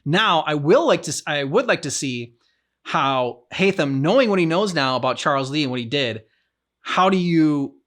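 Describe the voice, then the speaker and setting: A man co-hosting a game reaction show chats casually about a game's story. His voice is a little high, expressive and fairly bright, moving at normal speed, and he rambles, often repeating and restarting phrases.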